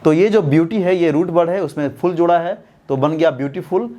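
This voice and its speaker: Guy teaching english grammar, kinda high voice, keeps asking the class stuff then answering it himself. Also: dark tone. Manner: asks the class questions and answers them himself; slow, deliberate dictation when spelling out words. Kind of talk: classroom-style lesson explanation.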